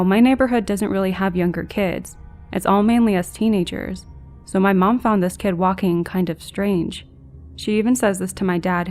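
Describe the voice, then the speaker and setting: A woman calmly narrating a scary true-encounter story in a measured, scripted way. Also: medium pitch. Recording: faint background music.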